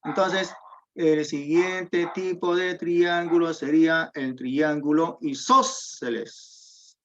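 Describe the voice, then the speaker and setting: Male math teacher, high voice, slow unhurried delivery, quizzes the class as he explains, muffled lo-fi call audio. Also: steady tone, a little hiss or hum. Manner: patient, explains step by step, asks students questions. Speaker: secondary school math teacher. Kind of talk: online geometry class. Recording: dull lo-fi audio.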